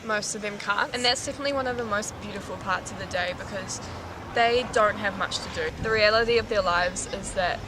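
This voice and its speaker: A young New Zealand woman talks to camera as a volunteer, earnest and chatty. Her voice sits at a middling pitch. Loud noise runs under her speech. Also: fairly quick, hardly any pauses. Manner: earnest, chatty, uses "like" often. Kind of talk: casual talk to camera.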